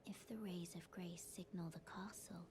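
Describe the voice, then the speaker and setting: An actress playing a solemn, mysterious maiden guide in a dark fantasy game, speaking in a grave, gentle, breathy whisper. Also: female voice, on the low side, fairly even intonation, moderate pace, background noise, natural voice. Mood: solemn, reverent. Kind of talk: fantasy video game dialogue.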